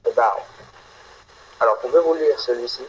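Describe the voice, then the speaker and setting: A man teaching English phonetics in an online class, slowly and repeating example words deliberately. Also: mid-range voice, highs cut off, slight background noise. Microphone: video call.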